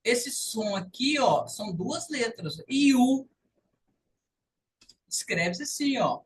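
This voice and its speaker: A woman's voice: fairly high pitch, expressive, unhurried, distant mic, a little hiss or hum, poor audio. A woman with a Brazilian Portuguese accent, teaching a lesson and patiently repeating sounds to demonstrate them. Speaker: language teacher. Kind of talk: online English lesson.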